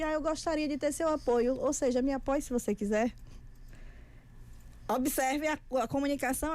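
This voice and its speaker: A woman author, a bit high for a woman, talks through a studio interview in a teaching manner. She lays out points with numbers and everyday examples, like someone giving a lesson. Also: darkish tone. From Feira de Santana, Brazil. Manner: didactic, explains with figures and examples. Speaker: author and communication guest.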